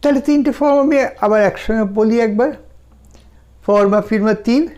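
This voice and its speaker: A man with a Bengali accent teaching a language lesson, slowly drilling verb forms for listeners to repeat. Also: very high voice, mellow, highs cut off. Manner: slow, deliberate drilling of verb forms for repetition. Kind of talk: slow spoken language lesson.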